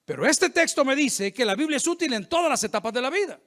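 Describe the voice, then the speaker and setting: Preaching at a fast clip with a very high-pitched voice, this middle-aged pastor keeps his sermon playful and animated. He imitates the voices of whoever he's quoting.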